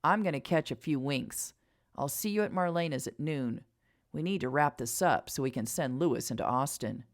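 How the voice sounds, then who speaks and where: A woman voicing a tired, gruff frontier sheriff who talks bluntly in a storybook reading. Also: sits low, animated, moderate pace. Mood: weary.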